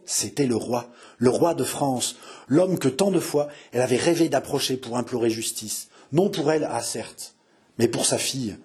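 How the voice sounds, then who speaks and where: A man narrating a historical novel with dramatic, expressive delivery. His voice is husky and breathy, at a middling pitch. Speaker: audiobook reader. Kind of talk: reading a historical novel aloud.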